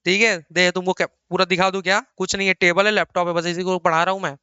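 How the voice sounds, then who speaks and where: A middle-aged man teaching an accounting lecture at a laptop, chatty and animated, repeating words for emphasis and teasing his students in asides. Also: high-pitched, quick pace, smooth, no echo, lo-fi sound. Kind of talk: recorded online lecture. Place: small room at a laptop.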